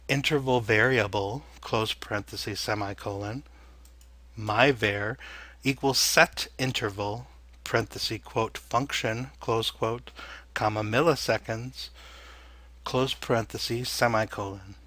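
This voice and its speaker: A man narrating a scripted tutorial as an instructor, dictating in separated, deliberate phrases. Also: mid-range voice, bright, forceful tone, no room sound.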